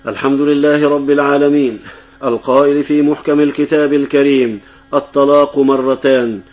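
Egyptian male Islamic scholar, formal Standard Arabic, rather high voice with flat intonation. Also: fairly quick. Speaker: Islamic law professor answering questions.

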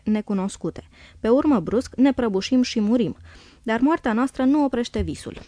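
Lady narrating diary entries, steady even reading, dead dry mic. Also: on the high side, dry recording. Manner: calm, measured reading. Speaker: audiobook reader.

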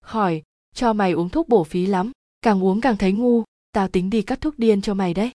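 A woman's voice: medium pitch, moderate pace, dry recording, clean studio sound, close to an everyday voice. A woman reading as a blunt, scolding mother. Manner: sharp, sarcastic scolding. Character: stern scolding middle-aged mother, blunt and mocking.

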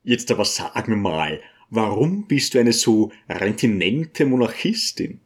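A man's voice: on the low side, sing-song, measured pace, slightly rough, full character voice. A man voicing a brash, overbearing male suitor in an audiobook, talking insistently and crudely. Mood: wheedling. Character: pushy, brash middle-aged male suitor.

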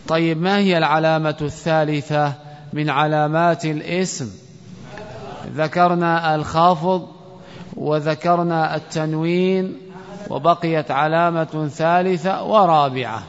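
A man's voice: fairly high pitch, fairly even intonation, unhurried. A man teaching a classroom grammar lesson, quizzing students and calling on them by name. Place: classroom or mosque hall. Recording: lo-fi recording with long hall reverb.

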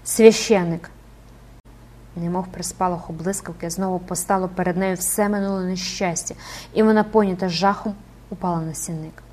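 Woman narrating dramatically, lower voice. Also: fairly even intonation, a little fast, darkish tone. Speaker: audiobook narrator.

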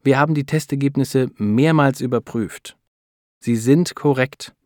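A man's voice: mid-range voice, a little slow, a little mellow, no room sound, pitched above the performer's own voice, natural voice. Earnest woman doctor in a storybook reading, a man raising his voice for her, serious and careful, dry close sound. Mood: firm. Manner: earnest, hesitant when delivering bad news. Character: serious middle-aged female lab doctor.

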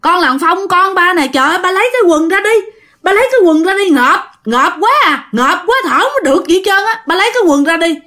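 A woman's voice: very high voice, lively intonation, quick pace, bright, forceful tone, pitched above the performer's own voice, exaggerated voice. A woman voicing the ghost of a grown son who speaks through his mother's body, urgent and pleading. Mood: desperate.

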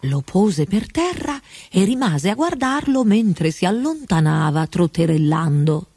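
Woman storyteller, slow, lively intonation, for storybook narration. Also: on the low side, breathy edge, no room sound. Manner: slow and expressive.

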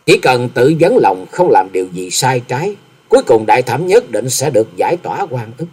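Brief: narrator doing a polite, grave young swordsman in an audiobook, husky, measured delivery. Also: medium pitch, very animated, darkish tone. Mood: solemn. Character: reserved young swordsman, courteous and solemn.

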